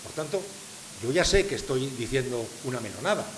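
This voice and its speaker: Brisk and lively in intonation, this older man from San Sebastián, Spain, talks at medium pitch during a public lecture to a live audience. He uses rhetorical questions and emphasis, and the sound is reverberant with faint hiss.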